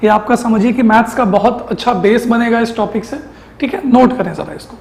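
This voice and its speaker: A man's voice: extremely high pitch, fairly quick, creaky, a little mellow, reverberant, poor audio. A man teaching a math lesson to students, going step by step and asking and answering his own questions, mixing English terms into his speech.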